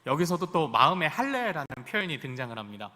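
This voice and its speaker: A man's voice: on the high side, big pitch swings, fast talker, bright, forceful tone, long reverb tail. A male pastor preaching a sermon in a church sanctuary, with rising emphasis and questions put to the congregation. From Korea.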